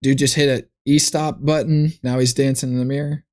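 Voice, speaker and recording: A man chatting on a casual livestream, musing aloud and restarting his sentences as he goes. His voice sits at an ordinary middle pitch. He talks into a desk mic at his computer. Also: level tone, a little fast, darkish tone. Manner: thinks aloud, rambling with restarts. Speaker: streamer.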